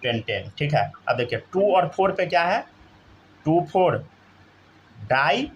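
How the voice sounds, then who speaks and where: A man teaches a chemistry class, his voice a little higher than most men's. He keeps asking his students to respond and checks that they follow along. A faint hiss of room ambience sits under the recording. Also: very animated, a little slow, highs cut off. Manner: keeps asking students to answer, often says "theek hai". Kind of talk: live classroom lesson.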